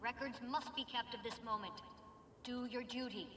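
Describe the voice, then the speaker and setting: A woman's voice: on the high side, fairly even intonation, normal speed, reverberant, in a large hall, very noisy, natural voice. A woman voicing an imperious, driven magister in a video game, formal and commanding. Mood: stern. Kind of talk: scripted game acting.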